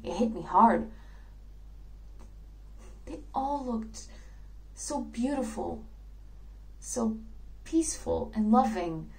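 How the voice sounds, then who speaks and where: A woman playing a dreamy, idealistic young actress in a theatrical monologue, telling her story earnestly with soft laughs. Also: on the high side, expressive, slow, creaky, pauses often, slight background noise, heavily acted, rough recording. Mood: moved.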